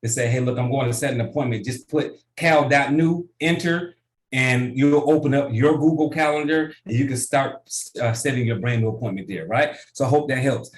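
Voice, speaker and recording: A man's voice: medium pitch, normal speed. Man coaching over a roomy video call. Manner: casual, repeats "right?" often. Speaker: business coach. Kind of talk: online tutorial training.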